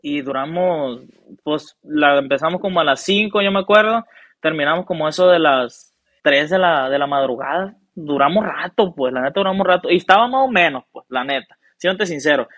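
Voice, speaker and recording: Young male musician, higher voice, dry sound, loose slangy chat. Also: normal speed, dry recording, dull audio. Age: young adult. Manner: relaxed, slangy storytelling with many fillers. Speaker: guest musician. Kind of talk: casual interview chat.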